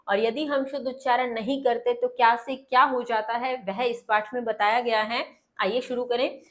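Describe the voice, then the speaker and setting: A woman teacher explaining a text word by word, patiently repeating each word and then its meaning. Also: fairly high pitch.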